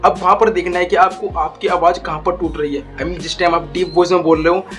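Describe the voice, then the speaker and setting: A young man giving a casual spoken tutorial, talking slowly and deliberately and calling his viewers guys and bro. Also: sits high, steady tone, a bit bright, faint music behind. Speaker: YouTube voice coach.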